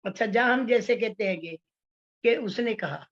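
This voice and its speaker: A woman teaching poetry, explaining figures of speech slowly with many fillers and restarts. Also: on the high side, lo-fi sound. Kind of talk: online class on Hindi poetics.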